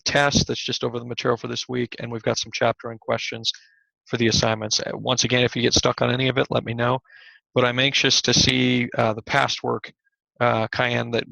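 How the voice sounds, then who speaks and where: Man lecturing, slightly hoarse and very gravelly, flat delivery, bright tone, dry dull-sounding mic. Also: mid-range voice, no echo. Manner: conversational, many fillers and restarts. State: slightly hoarse, scratchy throat. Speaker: college instructor. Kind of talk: recorded online class lecture.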